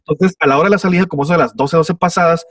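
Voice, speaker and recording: A young man with a Mexican Spanish accent tells a story with plenty of slang and swearing. His voice sits a little high. He comes through a dry, distant mic on a shaky video call. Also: rapid-fire, no room sound. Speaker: podcast guest. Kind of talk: casual storytelling chat.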